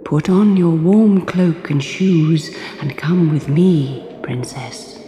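Slow beckoning north wind, as a woman puts him on. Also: low voice, dark tone. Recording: music playing behind.

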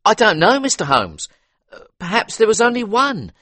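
A man's voice: high-pitched, huge pitch swings, normal speed, bright, forceful tone, no room sound, voice pushed up, exaggerated voice. A man voicing a polite, deferential male butler in a read-aloud detective story, answering briefly and respectfully.

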